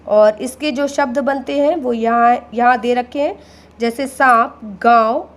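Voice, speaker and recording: A woman's voice: on the high side, a little slow, a little mellow. A woman teacher giving a patient grammar lesson, repeating each word and addressing the children directly. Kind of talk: slow classroom explanation.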